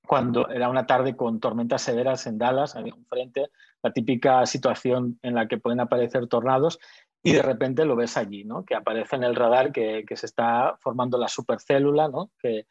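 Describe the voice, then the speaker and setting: A man's voice: mid-range voice, steady tone, normal speed, a little mellow, dry recording. Man, Spanish accent, from Spain, TV weather presenter, hesitant, many fillers, dry, muffled lo-fi sound. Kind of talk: interview answers, casual.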